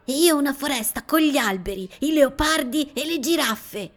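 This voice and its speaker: An eager little boy in a storybook chatters excitedly about his sand creations, pitched a bit above the reader's own voice, as a woman does his lines. He exclaims everything with glee. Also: normal speed, lightly acted.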